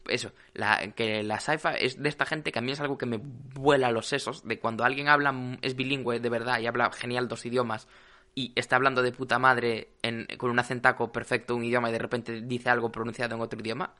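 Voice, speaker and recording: Bright, rambling man. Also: medium pitch, level tone, brisk. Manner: rambling, full of "o sea" fillers and restarts. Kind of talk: casual chat.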